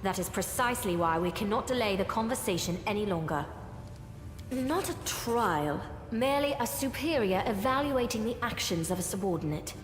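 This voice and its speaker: A woman playing a stern, righteous crusade leader in a fantasy game, speaking formally with deliberate command. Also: mid-range voice, animated, a little hiss or hum, close to an everyday voice. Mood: firm, stern. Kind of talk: dramatic fantasy game acting. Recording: echoey hall reverb over music.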